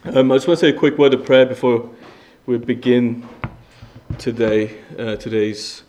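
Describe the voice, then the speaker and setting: In a medium-pitched, slightly mellow voice at normal speed and steady tone, a young Iranian guest preacher delivers a sermon with personal testimony to a congregation. He's earnest and conversational but trips into restarts and fillers, and slight background noise is present.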